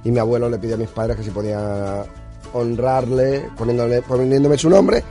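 A man's voice: mid-range voice, normal speed, warm tone, faint music behind. A man from Madrid, a mentalist guest on a radio show, telling stories earnestly with small hesitations. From Madrid, Spain. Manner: earnest, storytelling, a little hesitant. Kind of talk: radio interview. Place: radio studio.

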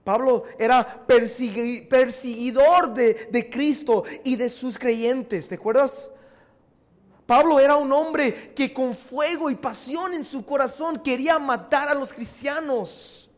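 Man preacher, very high voice, slow, conversational sermon, echoey church hall. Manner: conversational, asks the audience questions, stumbles over words.

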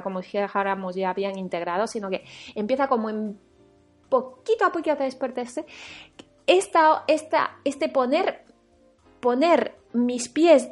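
A woman from France giving a reflective recorded talk as a spiritual teacher, animated, acting out her inner voices and checking in with the listener. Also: high voice.

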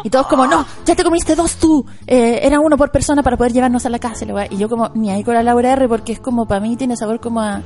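A woman's voice: fairly high pitch, steady tone, rapid-fire, hardly any pauses, darkish tone. A Chilean woman co-hosting a casual radio chat, joking in slang and talking about her play. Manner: chatty, jokey, slangy. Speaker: co-host, actress promoting her play.

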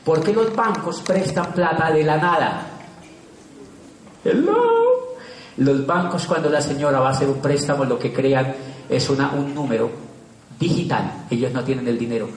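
Captured from a distance in an echoey room with slight hiss or hum, a middle-aged man speaks to a live audience in a lively public talk, stressing points with repeated words and rhetorical questions. He has a medium-pitched voice and talks at normal speed.

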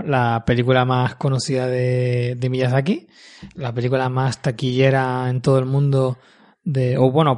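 A man's voice: mid-range voice, a little mellow. Chatty male podcast host. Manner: chatty, self-mocking, with restarts. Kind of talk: casual chat.

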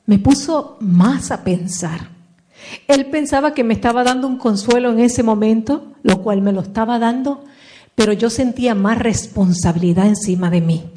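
A woman's voice: fairly high pitch, darkish tone. A middle-aged woman giving a personal testimony talk, telling her story with feeling and re-enacting her own past words.

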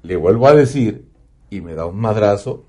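Man, Mexican accent, radio announcer, animated storyteller, dark mellow voice. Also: lowish voice, normal speed. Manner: animated, swears casually, acts out quotes. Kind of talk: casual storytelling in an interview.

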